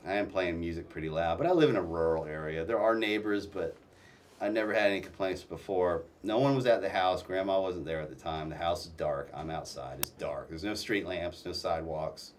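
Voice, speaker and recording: Low-voiced man, a little off-mic. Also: recorded from a distance, slight background noise. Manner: halting, with many restarts. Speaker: guest. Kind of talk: casual storytelling interview.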